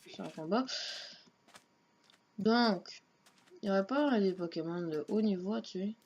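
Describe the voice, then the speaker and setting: Casual gamer woman, slow offhand running commentary, dull lo-fi home mic. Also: medium pitch, darkish tone. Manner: muttering to herself, unhurried and offhand. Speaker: let's play gamer.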